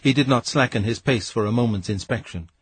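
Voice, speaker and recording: A man reading a novel aloud as an audiobook narrator, in a measured, steady way. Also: medium pitch, husky, dry recording. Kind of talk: scripted narration.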